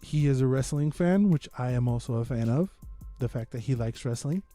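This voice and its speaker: A man's voice: medium pitch, animated, fairly quick, dark tone, faint music behind. A man hosting a podcast, chatting casually in slangy, informal language as he gives his reviews. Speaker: podcast host. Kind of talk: casual chat, reviewing games and comedy specials.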